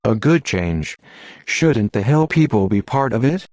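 A man voicing a calm, patient Jedi master in an audiobook, speaking quietly and firmly. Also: on the low side, no room sound. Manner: quiet, firm and measured.

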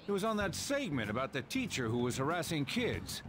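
Suspicious cop, animated pitch. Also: male voice, brisk. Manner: questioning, authoritative. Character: suspicious adult male patrolling police officer. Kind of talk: English video game voice acting.

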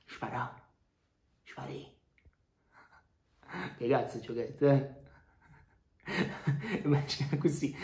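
A man acts out a scheming, streetwise Neapolitan guy in his twenties in a dramatic monologue. His mid-range voice is conversational and menacing, swinging from low muttering to sudden outbursts. It rings with the echo of a bare room. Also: a little mellow, lightly acted. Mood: mocking. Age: 20s. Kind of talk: acted dramatic monologue in dialect. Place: small bare room indoors.

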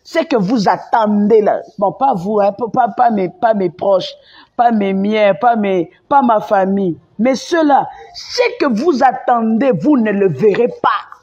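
Une femme avec un accent congolais qui s'emporte en direct sur son live, répète ses phrases avec insistance et passe du français au lingala. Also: female voice, medium pitch, unhurried, darkish tone, slightly rough. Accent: Congolese French. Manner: emphatic and repetitive, mixing French with Lingala. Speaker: live-stream host. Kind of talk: impassioned live-stream rant. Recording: dull lo-fi sound.

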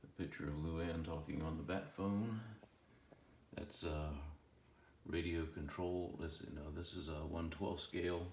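A man giving a relaxed, rambling tour of his collection at home, filmed on a handheld phone, with frequent chuckles. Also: extremely low pitch, measured pace, roomy sound, slight background noise. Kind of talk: casual filmed walkthrough. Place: room in a home.

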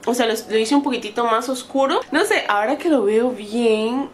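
A woman in her thirties talks through a makeup try-on for her channel in a relaxed, chatty way. Her voice sits a bit high, and she keeps correcting herself as she addresses her viewers. A faint background hum runs under her speech. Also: normal speed. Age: 30s. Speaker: beauty vlogger. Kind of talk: casual makeup try-on chat to camera.

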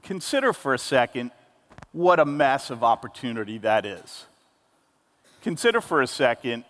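On a big stage, a man in his forties moderates a conference panel through a handheld mic, sounding emphatic and upbeat. His voice is fairly high and bright, with long reverb from the hall.

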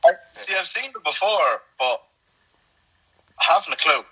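Irish male contestant, bright and slightly high, slow, hesitant. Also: expressive, breathy edge, poor audio. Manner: hesitant, halting answers. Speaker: quiz contestant. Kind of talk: casual podcast quiz.

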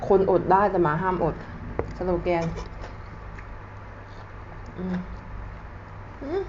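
A woman's voice: fairly low pitch, lively intonation, drawn-out words. A woman chatting casually and intimately, as if to a close friend, while eating and talking with her mouth full. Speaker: vlogger eating a meal on camera. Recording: dull lo-fi sound with faint noise.

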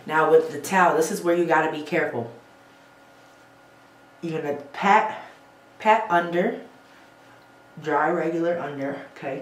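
A woman's voice: deep voice, slight background noise. Chatty woman giving a tutorial in a roomy bathroom. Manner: chatty, checks in with "okay?", calls viewers "sis". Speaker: beauty vlogger. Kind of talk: casual how-to tutorial. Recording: roomy echo, faint ambience.

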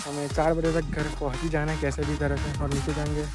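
A man's voice: on the high side, flat delivery, quick pace. A young man talking casually to camera as he walks a hilltop temple trail, calling his viewers guys and mixing in English words. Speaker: travel vlogger. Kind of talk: casual walking vlog to camera. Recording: music playing under the voice.

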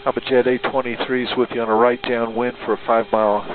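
A man's voice: mid-range voice, level tone, quick pace. A male airline pilot talking through his cockpit headset to the tower. His mid-range voice is terse and clipped in standard radio phraseology. It comes through a narrow, tinny radio channel. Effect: pilot speaking over a cockpit headset radio. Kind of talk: air traffic radio call.

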